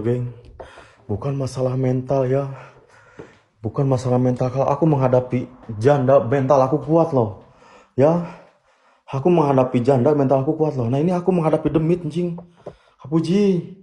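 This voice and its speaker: A man's voice: medium pitch, mellow. Jumpy man on a ghost-hunting livestream. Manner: jumpy, swearing, muttering prayers. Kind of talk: live ghost-hunting stream. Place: abandoned house at night.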